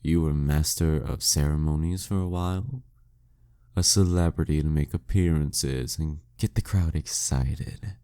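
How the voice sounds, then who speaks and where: With a very deep, warm voice, a man performs an intimate scripted monologue as a dead demon king, once the listener's proud, dominant nemesis. He taunts slowly and condescendingly, his mood mocking and teasing, his delivery smugly theatrical.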